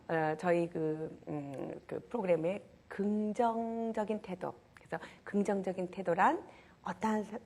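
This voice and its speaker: A woman's voice: on the low side, slightly rough. Woman lecturer leading audience call-and-response. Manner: drops to a whisper for emphasis. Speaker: character education lecturer.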